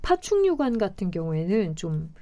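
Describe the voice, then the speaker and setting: Korean radio host lady, soft-toned mellow voice, chatty interview questions, medium pitch. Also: very animated, moderate pace.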